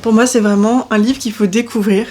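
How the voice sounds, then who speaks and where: A young woman vlogging at home in front of her bookshelves, chatting casually about books with soft, trailing asides. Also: on the high side, steady tone, brisk. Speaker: book vlogger. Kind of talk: casual chat presenting books.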